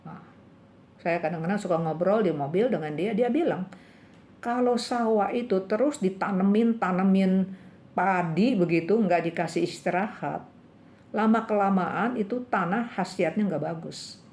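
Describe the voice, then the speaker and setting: A woman preaching a sermon at a church women's fellowship, telling a story and acting out the characters' cries in a higher voice. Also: moderate pace. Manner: lively storytelling, acts out the characters' cries with raised pitch. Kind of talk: bilingual sermon with illustrative story. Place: church meeting room.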